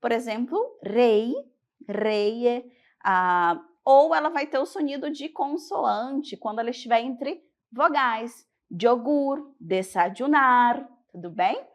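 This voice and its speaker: Brief: Brazilian woman teacher, slightly high voice, slow and patient, checks in with the class. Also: expressive. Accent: Brazilian Portuguese. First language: Portuguese. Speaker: Spanish teacher. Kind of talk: classroom lesson.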